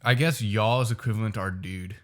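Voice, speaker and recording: A man's voice: lowish voice, a little fast. Laid-back young guy chatting. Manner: loose, slangy, swears casually. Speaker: podcast co-host. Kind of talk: casual chat.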